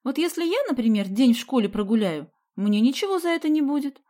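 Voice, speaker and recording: A woman voicing a feisty, quick-tempered schoolgirl who argues in indignant, squealing retorts. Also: high-pitched, big pitch swings, dark tone, voice pushed up. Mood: teasing.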